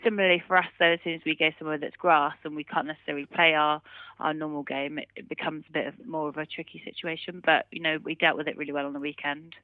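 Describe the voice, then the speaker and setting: A woman with a deep voice talks fast in a level tone, answering as a rugby player in a casual phone interview after a match. Her replies hedge and run on with "kind of" and "you know," and the dry phone line is muffled and narrowband.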